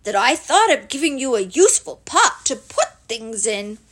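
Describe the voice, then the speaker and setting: An eager, sing-song teddy bear, cheerful and simple, as a woman reading aloud puts him on. His voice rides high and lilting from a storybook. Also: very animated, takes it slowly, fairly bright tone, heavily acted.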